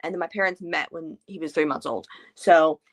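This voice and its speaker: A woman's voice: sits low, a little fast. A woman hosting a casual book club chat, talking in loose, rambling sentences full of fillers. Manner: chatty, trailing off with fillers.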